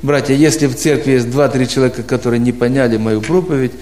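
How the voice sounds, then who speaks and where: A preaching instructor talks informally to a group of church brothers in a congregation abroad, patiently explaining his points through homely examples and questions. His mid-range voice is a little mellow, with fairly even intonation, and he talks fast.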